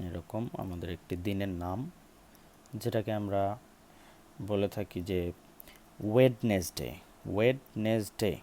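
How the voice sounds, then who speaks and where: Slow-drilling male English pronunciation teacher. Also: on the low side, warm tone, a little hiss or hum. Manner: slow, repeats each word to drill it; asks the viewers questions. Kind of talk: spoken English lesson.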